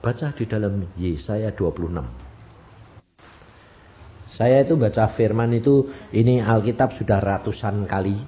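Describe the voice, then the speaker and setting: A man's voice: fairly low pitch, moderate pace, pauses often, dull audio. A man, preaching a sermon and scolding and questioning his congregation. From Central Java, Indonesia. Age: 80s. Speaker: evangelist preacher.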